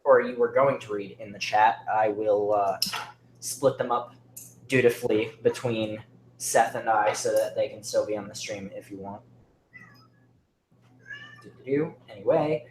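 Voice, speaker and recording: A man's voice: fairly low pitch, steady tone, moderate pace, reverberant, a little hiss or hum, low-quality recording. A man hosting a livestream, talking casually with lots of fillers as he steers the show. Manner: chatty, filler-heavy host talk. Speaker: livestream host.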